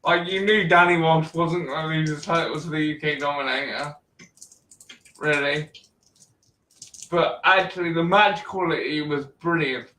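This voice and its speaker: A man hosting a casual wrestling chat, relaxed and chatty, laughing often. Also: fairly high pitch, measured pace, long pauses. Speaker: podcast host. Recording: roomy echo, distant mic.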